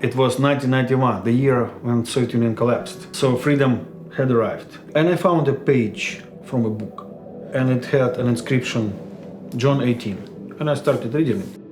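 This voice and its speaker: A man, a missionary telling his story in an interview in a measured, reflective way. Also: mid-range voice, a little hiss or hum. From Ukraine. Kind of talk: personal testimony interview. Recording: roomy echo with music underneath.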